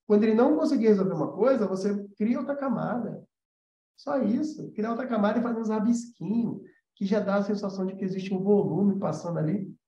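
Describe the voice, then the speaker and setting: A Brazilian man hosting a live animation class talks a little fast in a high voice with a dark tone. He keeps things informal and emphatic, restating key ideas and confirming his listeners follow along. The audio has noticeable room echo and sounds slightly dull.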